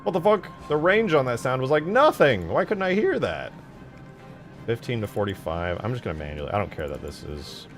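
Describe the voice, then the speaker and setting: He speaks at a medium pitch, a little fast, with lively intonation. As a channel host modding a game, he narrates what's on his screen in an informal, foul-mouthed, think-aloud style, with music in the background of the recording.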